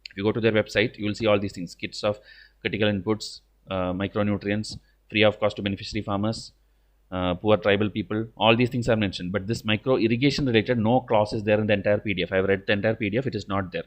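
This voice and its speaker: A man's voice: on the low side, fairly even intonation, fast. A man with an Indian accent teaching exam questions in an informal lecture, blunt and stern, often punctuating with "okay". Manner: repeats "okay" as a verbal tic.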